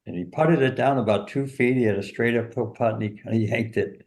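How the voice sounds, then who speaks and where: An older man, a golf teacher and former caddie, telling animated stories in an interview and chuckling along. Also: mid-range voice, brisk. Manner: animated, laughs through stories, many "you know"s. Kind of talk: anecdotal storytelling in an interview.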